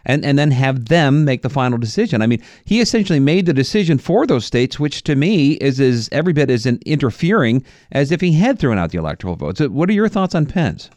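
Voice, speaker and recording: A man's voice: mid-range voice, sing-song, brisk, hardly any pauses, darkish tone, no echo. A man hosting a political talk radio show, speaking earnestly with frequent filler words.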